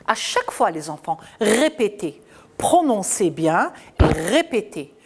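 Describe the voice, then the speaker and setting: A woman teaching young children to read, articulating each syllable slowly and clearly, repeating words, and encouraging them. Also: medium pitch, big pitch swings. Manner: encouraging, addressing children warmly. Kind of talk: school reading lesson for children.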